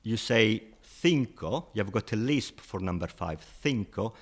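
A man's voice: lowish voice, moderate pace. A man who learned English as a second language, patiently explaining with examples in casual interview chat. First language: not English.

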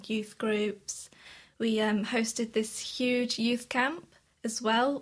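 A woman's voice: mid-range voice, gravelly. A nineteen-year-old woman on a podcast, telling her story with enthusiasm and lots of ums. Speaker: podcast guest. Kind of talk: casual storytelling.

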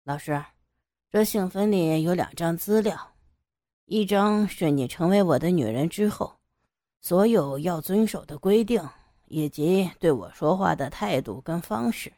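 Woman doing a cocky young man, deep-ish and mocking, for a storybook reading. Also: expressive, measured pace, dark tone, dry recording, clean studio sound. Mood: gloating. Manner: low, gloating, mocking. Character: smug, domineering young man lording over his teacher.

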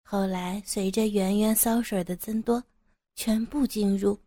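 A woman narrating an erotic audio story in a slow, even reading voice. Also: medium pitch, no room sound.

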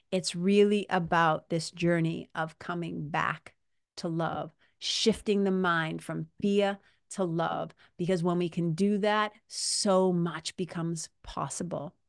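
A woman's voice: lowish voice, creaky, dry recording, clean studio sound. A woman speaking as a podcast host and coach, giving a casual, emphatic motivational talk to listeners in informal, salty language.

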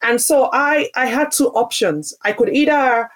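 With an unhurried, slightly high voice, a Nigerian woman recounts her career as a podcast guest. She is an adult parent who founded a business, and her earnest, emphatic answers often circle back to restart a phrase.

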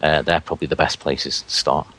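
A man's voice: extremely low pitch, flat delivery, a little fast, pushed and bright. A man with a Scouse accent, a guest chatting casually on a podcast in an earnest, chatty way.

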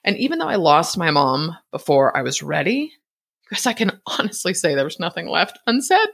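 A woman in her fifties hosts her podcast with a reflective personal monologue. She talks quickly and a little mumbled, often laughing. Her low, gravelly voice swings widely in pitch. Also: sing-song, a bit bright. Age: 50s. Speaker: podcast host.

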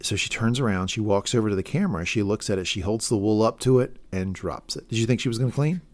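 Talking fast in a voice on the low side, a podcast co-host recaps a TV episode, meandering and revising his own statements while guessing at what's coming next.

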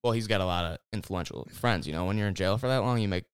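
A man's voice: low-pitched, fast talker, clear, resonant tone, dry recording, clean studio sound. A man casually recapping a TV show plot for friends, rambling with lots of "like" and loose restarts. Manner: rambling storyteller, loose with fillers. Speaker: podcast host recapping a TV series. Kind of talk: casual chat.

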